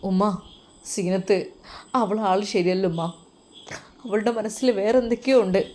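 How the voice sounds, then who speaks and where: A woman voicing a stern, weary religious husband with a Malappuram Malayalam accent, in a lowered, quiet, firm voice. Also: fairly even intonation, normal speed, lightly acted.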